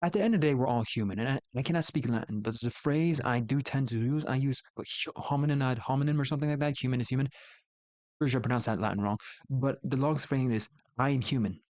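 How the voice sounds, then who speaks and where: A man with a mid-pitched voice talks through his opinions as a casual streamer. He rambles, doubles back and corrects himself as he thinks aloud. The sound is close and dry. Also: fast, darkish tone, dry recording. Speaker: VTuber streamer.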